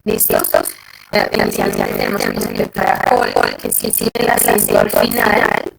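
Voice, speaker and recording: Teacher in an online class, extremely low and swooping, halting delivery with constant check-ins. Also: huge pitch swings, gravelly, noisy background. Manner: checks in constantly with short questions, halting with fillers. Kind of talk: live online class lecture.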